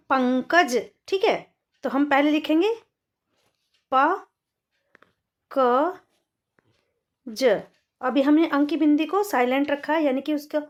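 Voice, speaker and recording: A woman teaches small children to read, her voice pitched high and her pace slow and deliberate. She sounds out each word carefully and says it a second time so the class can follow. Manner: patient, repeats each word twice slowly. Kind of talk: children's Hindi reading lesson.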